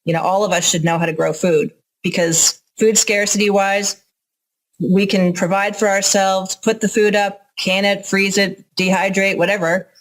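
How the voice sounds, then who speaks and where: A woman's voice: mid-range voice, little pitch movement, normal speed, poor audio. Candid American woman answering interview questions. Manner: candid, informal, explanatory. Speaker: interview guest, organic farmer and educator.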